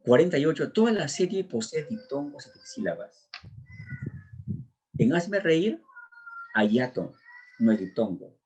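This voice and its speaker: A man's voice: a little high, big pitch swings, unhurried, long pauses, a little mellow, husky, dull audio. A man teaching a pre-university exam class, working through language questions one by one in a drilling lecture style. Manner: drilling, walks through answers step by step.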